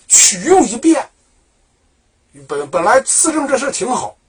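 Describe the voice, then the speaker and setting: Husky, lively male history storyteller. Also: extremely high pitch, unhurried. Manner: lively, chatty, asks and answers his own questions.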